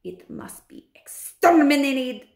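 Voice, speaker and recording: The Grand High Witch, as a woman puts her on. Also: very animated, slow pace, full character voice. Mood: furious. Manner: shouting, commanding. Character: domineering cruel female witch leader. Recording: echoey room.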